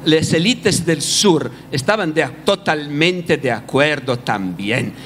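Halting, slow-spoken man. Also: fairly high pitch, lively intonation, a bit bright, slight background noise. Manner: halting, searching for words in Spanish. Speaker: historian on a discussion panel. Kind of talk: unscripted panel discussion.

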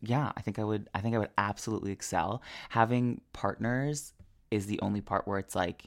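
A woman's voice: a bass voice, fairly even intonation, brisk. A woman co-hosting a podcast in casual chat, playful and theatrical, joking and swearing for laughs. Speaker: podcast co-host.

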